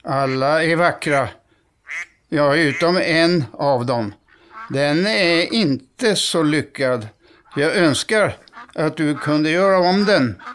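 A man's voice: on the high side, lively intonation, bright, forceful tone, pitched above the performer's own voice. A man reading aloud, voicing a haughty noble old duck who talks down and drops Spanish words. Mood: condescending. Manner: grand, condescending, sprinkled Spanish words.

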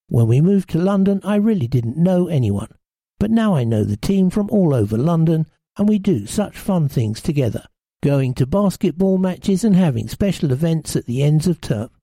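A woman's voice: sits low, mellow, husky, dry recording. A woman reading a scripted personal testimonial. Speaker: amateur basketball player.

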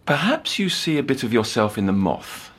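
A man playing a calm, probing counsellor in an audio drama. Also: mid-range voice, moderate pace, husky.

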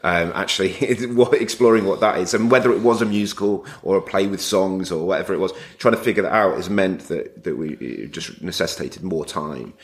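A man with a deep, low voice speaks in casual interview talk. He is thoughtful and searches for his words as he goes. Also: fairly quick, few pauses. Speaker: theatre company director.

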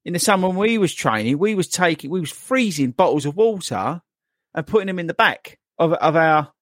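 Lively joking podcast host. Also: male voice, on the high side, a little fast, dry recording, studio quality. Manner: jokey, teasing, laughs a lot. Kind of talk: casual chat.

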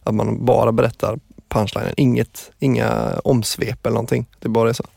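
A man's voice: medium pitch, little pitch movement, creaky, darkish tone, dry recording, studio quality. A man on a podcast panel in casual chat, musing and thinking aloud.

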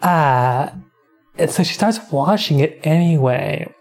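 A woman's voice: sits low, lively intonation, takes it slowly, a little mellow, soft background music. A young woman casually recapping a film as a co-host, rambling and swearing offhandedly. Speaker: podcast co-host.

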